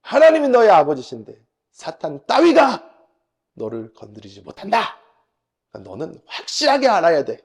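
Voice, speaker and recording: A man acting out his stern pastor father scolding his son in a gruff, firm voice. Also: high voice, wildly swooping pitch, moderate pace, voice pushed up, full character voice.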